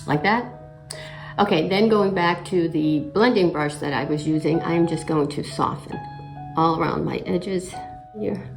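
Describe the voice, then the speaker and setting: Over music, a makeup vlogger in middle age guides viewers through her routine one step at a time at a measured pace. Her voice sits on the low side and is a bit raspy from a slight cold, her tone easygoing, with occasional throat-clearing.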